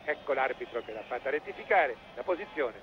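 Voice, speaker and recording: A man's voice: medium pitch, animated, fairly quick, muffled recording, slight background noise. An Italian man giving live football match commentary in clipped phrases, rising with the play, on an old television broadcast.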